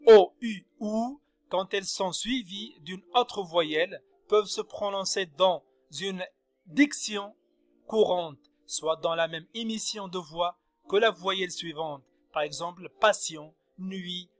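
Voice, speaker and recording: Slow, high-voiced male teacher. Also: fairly bright tone. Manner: deliberate, spells out letters one by one. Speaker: French literature teacher. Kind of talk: slow spoken lecture on verse.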